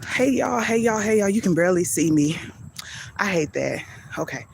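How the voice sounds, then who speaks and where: A faith channel host preaches live into her handheld phone while out on her daily walk, breathless and building through repetition. Her mid-range voice is creaky, with lively intonation at a normal speed, and background noise can be heard.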